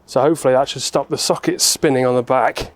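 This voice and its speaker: A man narrates a hands-on repair job in an average-pitched voice. He talks informally and explains things step by step, in the casual way of a how-to vlogger. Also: fairly even intonation, quick pace, dry recording. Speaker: presenter of a car repair vlog.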